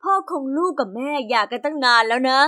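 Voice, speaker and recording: A woman voicing a tired mother in an animated story, speaking in a weary, confessing way. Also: high voice, quick pace, dry recording, pitched below the performer's own voice.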